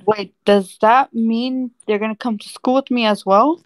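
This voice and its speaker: A woman's voice: a little high, steady tone, measured pace, no room sound, natural voice. A woman playing an embarrassed but patient seventeen-year-old son in an amateur roleplay. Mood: exasperated.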